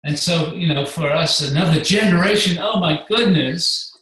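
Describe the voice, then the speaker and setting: A man's voice: a little high, a bit bright. Earnest man in an echoey room. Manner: measured, earnest, explains at length. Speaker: guest, spiritual teacher. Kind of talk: calm explanatory conversation. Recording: echoey room, distant mic.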